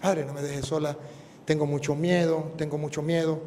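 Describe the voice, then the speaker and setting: A man voicing a frightened young woman who quietly pleads for help. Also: fairly high pitch, flat delivery, normal speed, long reverb tail, background noise, close to an everyday voice. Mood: frightened, pleading. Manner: pleading, subdued.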